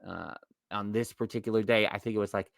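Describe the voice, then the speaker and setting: Podcast co-host: middle-aged man, New York accent, rambling and self-correcting, low-pitched, dry close sound. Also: steady tone, a little fast, creaky, no room sound. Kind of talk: casual podcast chat.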